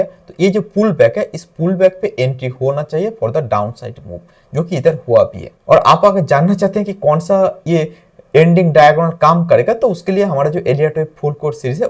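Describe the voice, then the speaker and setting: A man's voice: a little high, slightly rough. A man teaching trading, walking through chart examples and mixing English terms into Hindi speech. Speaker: trading instructor.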